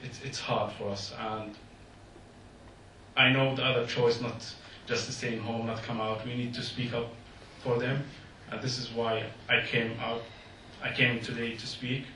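Flat in delivery yet pushed and bright, this mid-range voice belongs to an earnest Jordanian man speaking at a public meeting. His English is halting and non-native, and the hall echoes. A distant mic picks up slight background noise.

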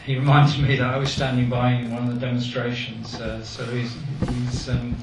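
A man chairing a meeting, introducing the next speaker in a hesitant way with many pauses. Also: medium pitch, completely flat delivery. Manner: hesitant, lots of ums. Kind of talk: event introduction. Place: meeting hall. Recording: echoey hall, noisy, far mic.

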